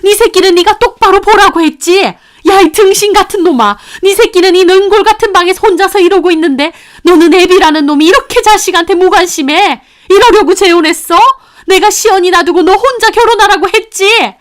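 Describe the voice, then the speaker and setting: A woman voicing an angry grandmother who shouts and scolds her grown son in a dramatized story. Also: very high voice, measured pace, hardly any pauses, voice pushed up, exaggerated voice. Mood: furious scolding.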